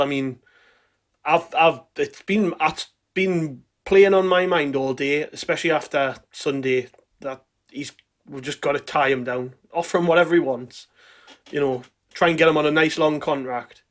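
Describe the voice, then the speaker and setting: Bloke hosting a casual football fan chat, voice a bit on the high side. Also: male voice, steady tone, moderate pace. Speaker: podcast host.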